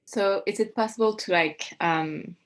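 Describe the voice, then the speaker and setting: A woman's voice: medium pitch, a little slow. Hesitant woman student asking questions. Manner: hesitant, soft-spoken questions with many fillers.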